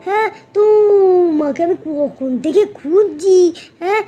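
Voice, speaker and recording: A woman voicing a forgetful ghost husband in a cartoon. He fusses and nags in a hurried way. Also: extremely high pitch, dark tone, lo-fi sound. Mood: nagging. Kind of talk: cartoon voice acting.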